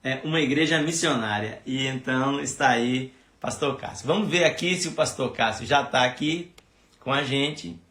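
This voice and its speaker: A man's voice: mid-range voice, normal speed, fairly bright tone. A Brazilian man hosts a church live stream in a loose, chatty way. He rambles, restarts his sentences and leans on fillers as he talks. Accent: Brazilian Portuguese.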